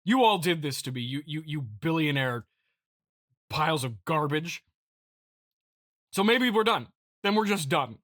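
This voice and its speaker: In a fairly high register, a podcast host with a bright, forceful, animated voice improvises comedy around listener feedback. His delivery is halting and full of restarts and repeated words, played mock-earnest and aggrieved. The audio is close and dry, without echo.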